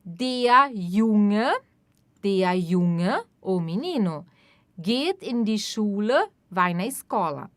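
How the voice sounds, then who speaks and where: Woman teaching german, says each phrase real slow then explains, bouncy tone. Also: mid-range voice, lively intonation, no echo. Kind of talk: language lesson.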